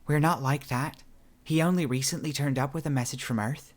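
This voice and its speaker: A man's voice: medium pitch, a little fast, pitched above the performer's own voice, natural voice. A male narrator voicing a guarded young woman who speaks dryly and firmly, in audiobook narration. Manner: dry and firm.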